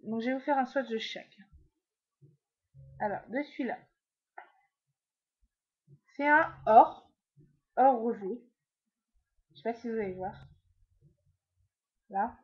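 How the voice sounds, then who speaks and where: A woman's voice: fairly high pitch, slow pace, pauses often, muffled recording. A woman chatting casually through a makeup haul at home, with many fillers and trailing asides. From France. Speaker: beauty vlogger. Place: at home, indoors.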